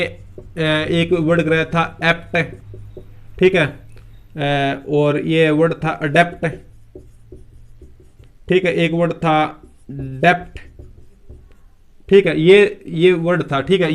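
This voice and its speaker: A man's voice: a little high, steady tone, slow, long pauses. Man teaching vocabulary, quizzing himself. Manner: repeats questions and answers them himself; mixes English words into explanations. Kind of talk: classroom-style vocabulary lesson.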